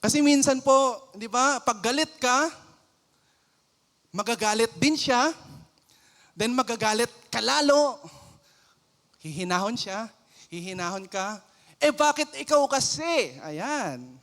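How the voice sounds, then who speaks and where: A Filipino man preaching a lively church sermon, playful, acting out everyday scenes and mixing in English phrases. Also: very high-pitched, slow pace, pauses often. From Philippines. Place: church sanctuary. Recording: long church hall reverb.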